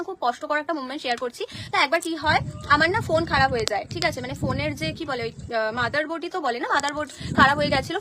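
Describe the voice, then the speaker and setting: A woman's voice: high-pitched, noisy background. A young woman chatting casually on a live stream from home, reading out and answering viewer comments. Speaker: content creator on a live stream. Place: at home, in front of a painted wall.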